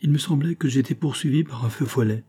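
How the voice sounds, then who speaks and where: A man doing a shaken young woman in a storybook, soft and breathless, voice a little raised above his own husky tone. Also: medium pitch, fast, pitched above the performer's own voice, lightly acted. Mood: frightened. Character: frightened young woman, gentle.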